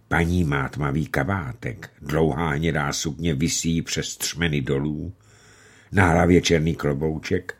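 A man reading a classic story aloud to children as narrator, telling it in a warm storytelling way. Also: extremely low pitch, breathy edge.

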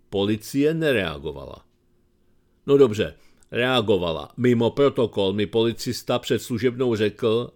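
Sardonic Czech man reading commentary. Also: medium pitch. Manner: sardonic, dry storytelling. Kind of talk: read-aloud commentary.

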